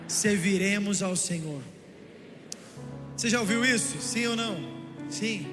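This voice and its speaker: A young man from Brazil preaching a sermon, telling stories in an animated way and joking with his congregation. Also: high voice. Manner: animated storytelling, playful asides to the congregation. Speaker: pastor. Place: church auditorium. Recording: echoey church hall with music. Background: music underneath.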